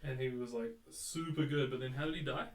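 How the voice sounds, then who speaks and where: A man's voice: medium pitch, a little fast, reverberant, noisy background. A man, co-hosting a livestream with teasing, jokey banter. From New Zealand. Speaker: livestream co-host. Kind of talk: casual banter.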